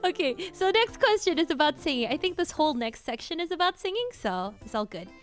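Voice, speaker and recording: A woman's voice: high voice, sing-song, a little fast, soft background music. A woman cover singer chatting casually on a livestream Q&A, bubbly and giggly, often scattered and restarting.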